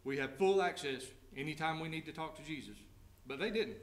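A man preaching a sermon. He reads scripture slowly, then explains it in plain everyday words and asks the congregation direct questions. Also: a little high, roomy sound. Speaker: pastor. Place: church sanctuary.

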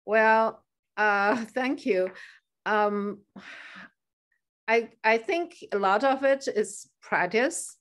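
Speaking from a home room beside a staircase, a middle-aged woman from China, a native Chinese speaker, answers questions as a guest on a video call. Her fairly high, fairly bright voice stretches out words and leaves long pauses, with frequent fillers and restarts as she thinks aloud.

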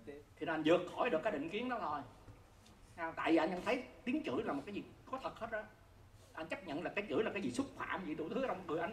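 A Buddhist teacher with a mid-range, fairly bright voice gives a conversational dharma talk to an audience, often chuckling and asking listeners if they see the point. The recording has a roomy echo and faint background noise.

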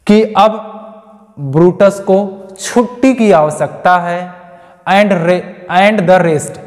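A man's voice: sits high, a little mellow. A male teacher giving an exam-prep lecture, stretching out key English terms and asking rhetorical questions. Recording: long hall reverb.

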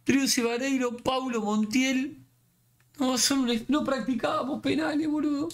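A young Argentine streamer narrating his own game live. His voice leaps into high excited yelps at every tense moment, and he talks to viewers in loose street slang. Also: measured pace. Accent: Argentine Spanish. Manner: slang-heavy, talks straight to the audience. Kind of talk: live gameplay commentary.

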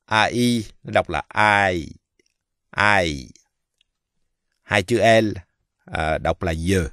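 A man from Vietnam giving a casual pronunciation lesson, speaking slowly and haltingly with many fillers and drawing out the example words. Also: low voice, bright, forceful tone, no room sound, studio quality. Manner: slow, halting, many fillers, repeats French words drawn out. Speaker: French teacher.

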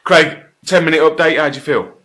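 A man's voice: fairly high pitch, fairly quick. A man casually bantering and swearing as he hosts from behind the camera, teasing his friends. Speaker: cameraman and host of a friends' chilli challenge. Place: indoors in a small house. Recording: noisy handheld camera in a room.

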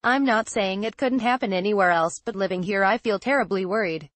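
Woman reading out a news story, flat steady delivery, dry sound no room. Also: medium pitch, brisk, dry recording. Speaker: news reader. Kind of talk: scripted news narration.

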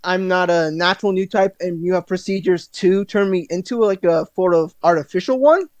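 A man's voice: sits high, moderate pace, dry recording, dull audio. A man playing in a tabletop game, talking in a hesitant way with chuckles and frequent restarts. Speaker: player. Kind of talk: in-character tabletop play.

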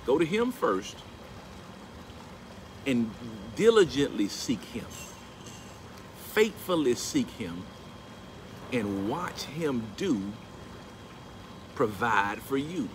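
A middle-aged man speaks extremely slowly, with frequent pauses and a mid-range voice, in a casual storytelling vlog filmed on his phone at arm's length beside a pool at a house. He turns animated and rises into emphatic preaching when quoting scripture. The outdoor recording has steady background noise.

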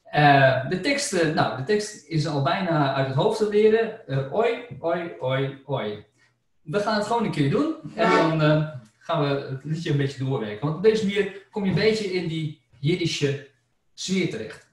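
A man from the Netherlands, a klezmer musician, giving a chatty, animated webinar lesson with many fillers and asides. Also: fairly high pitch, moderate pace, heavy reverb, recorded from a distance. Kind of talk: informal spoken lecture.

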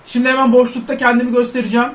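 High-voiced excitable gamer man. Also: racing. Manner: loud, excitable, trash-talks and curses at teammates; jokes as an overweight footballer in first person. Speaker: gaming YouTuber. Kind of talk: excited live gameplay commentary.

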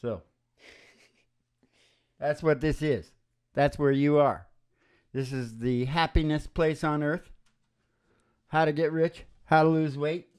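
Close to a microphone on a stand in a small, dim room with a wood-panelled wall, an older radio music show host rambles jokily and wryly, chuckling often. His fairly high voice keeps a level tone and is a little mellow and smooth; he takes it slowly, with long pauses.

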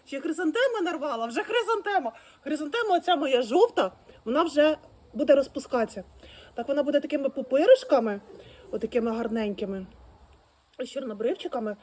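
A woman talking casually and with great excitement straight to her viewers, full of exclamations. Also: sits high, breathy edge. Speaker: vlogger arranging flowers. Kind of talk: casual how-to chat. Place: outdoors at home, birds nearby.

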